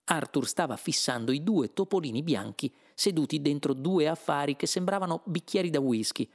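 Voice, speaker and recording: A man reading a novel aloud as scripted narration with an expressive delivery. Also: a little high, moderate pace. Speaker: audiobook reader.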